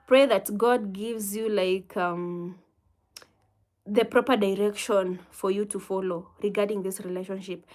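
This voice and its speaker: On a relaxed livestream, a woman with a Kenyan accent goes through viewers' comments and answers with calm, gentle advice, laughing softly now and then. She has a mid-range voice.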